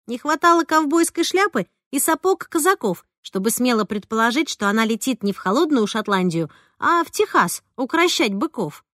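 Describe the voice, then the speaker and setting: A woman reads a first-person story aloud with lively, expressive delivery and a fairly high voice. The sound is close and dry, with no room echo. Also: moderate pace, few pauses. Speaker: audiobook narrator. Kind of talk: first-person audiobook narration.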